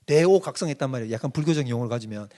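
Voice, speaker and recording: A man's voice: medium pitch, expressive, racing. A middle-aged male pastor giving an emphatic doctrinal lecture, firing questions at his listeners and answering them himself. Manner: emphatic, mimics people with sudden loud outbursts.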